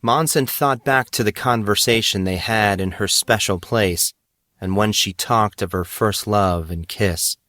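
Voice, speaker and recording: A man with a low, bright and forceful voice reads a story aloud from a script, pacing it with measured drama. There is no room sound at all in this dry recording.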